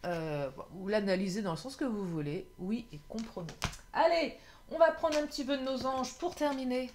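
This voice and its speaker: A woman giving a casual, chatty tarot reading to her viewers, often laughing and pausing on filler sounds. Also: on the high side, noisy background. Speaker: tarot card reader.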